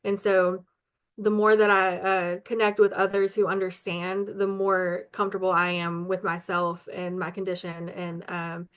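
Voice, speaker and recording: A woman's voice: mid-range voice, clear, resonant tone. A woman answering interview questions in an earnest, chatty way, with many ums and likes. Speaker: local advocate interviewed as guest.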